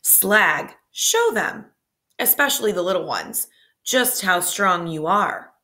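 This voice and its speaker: A woman voicing a showy little male carnival showman who calls out in a booming, theatrical way. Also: animated, slow, bright, forceful tone.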